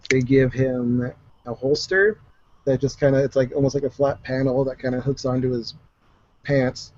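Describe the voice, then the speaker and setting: A man runs a tabletop game, narrating at a middling pitch in a loose, rambling way, filling gaps with "uh" and "like". The recording is dull and lo-fi, with the top end muffled. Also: a little mellow. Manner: rambling, loose, full of fillers and asides. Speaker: game master.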